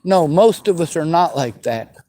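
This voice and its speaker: A man's voice: a little high, animated, normal speed, warm tone, a little hiss or hum, rough recording. A man in his forties from the western United States, talking bitterly and swearing as he answers viewer questions on his vlog. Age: 40s. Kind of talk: angry unscripted monologue.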